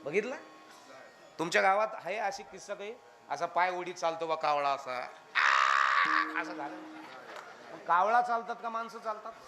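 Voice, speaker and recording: A man preaching a devotional kirtan sermon, animated and firing questions at his listeners, now and then chanting lines of verse. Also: high-pitched, moderate pace, crowd noise. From Maharashtra, India.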